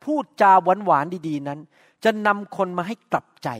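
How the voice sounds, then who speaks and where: A man's voice: high voice, normal speed, no room sound, clean studio sound, in a large hall. A middle-aged man preaching a sermon, earnest, acting out short quoted exchanges. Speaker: pastor.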